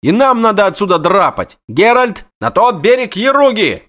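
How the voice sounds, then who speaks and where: A man's voice: high voice, sing-song, normal speed, a bit bright, voice pushed up. A man voicing a panicky, talkative young male bard who pleads in breathless exclamations. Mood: panicked.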